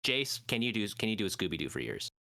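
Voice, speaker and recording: A man's voice: on the low side, sing-song, fast talker, pushed and bright, no echo, clean studio sound. A man hosting a casual comedy podcast, often laughing and restarting as he directs voice bits. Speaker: podcast host.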